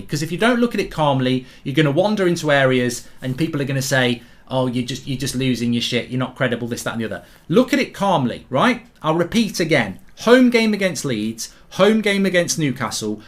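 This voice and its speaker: A man hosting a fan channel, giving an emphatic, repetitive post-match breakdown. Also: fairly high pitch. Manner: emphatic, repetitive, frustrated reasoning. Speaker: football fan channel host. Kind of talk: casual post-match rant to camera.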